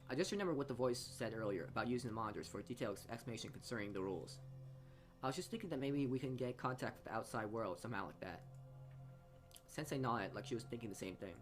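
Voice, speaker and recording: A man with a mid-range voice and lively intonation speaks fast as he reads a visual novel aloud on a gaming video. He adds casual asides and often stumbles or repeats words, over the game's background music.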